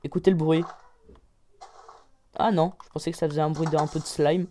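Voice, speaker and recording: A woman hosts a gaming channel, excitedly commentating with loud exclamations and rating each item out of ten. Her voice is low-pitched and fairly quick, with background noise present.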